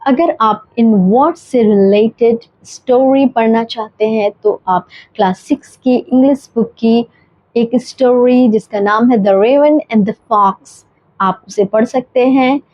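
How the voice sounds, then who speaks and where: A woman teaching English words in a slow, deliberate way, repeating each pronunciation. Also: fairly high pitch, a little mellow, no room sound, highs cut off. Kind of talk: bilingual vocabulary lesson.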